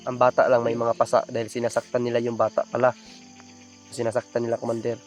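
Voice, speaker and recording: A man's voice: mid-range voice, monotone, fast, soft background music. A man vlogging outdoors at night, thanking his viewers with heartfelt gratitude and calling them buddies. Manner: grateful, addresses viewers as buddies, warm thanks. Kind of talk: emotional vlog talk to viewers.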